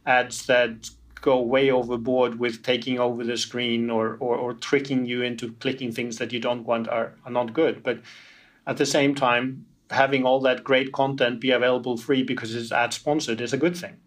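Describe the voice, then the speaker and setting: A man's voice: mid-range voice, little pitch movement, moderate pace. A man from Iceland, answering interview questions as a company founder, often repeating words as he restarts. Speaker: tech company founder, guest.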